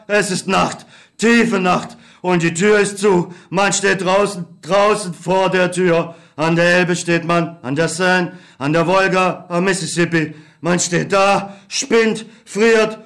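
A man's voice: sits high, a bit bright, heavily acted. A man playing a weary, bitter young war returnee, tired and hungry, in a radio play. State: exhausted and hungry.

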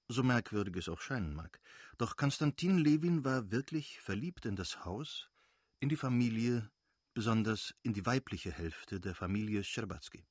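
Husky male audiobook narrator. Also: on the low side, dry recording, clean studio sound. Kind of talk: scripted novel narration.

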